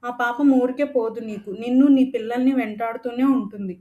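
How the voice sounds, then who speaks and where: A woman's voice: fairly high pitch, fairly even intonation, brisk, narrow, tinny audio, close to an everyday voice. A woman voicing a cruel, manipulative middle-aged mother who speaks coldly and threatens. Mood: threatening. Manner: cold, threatening.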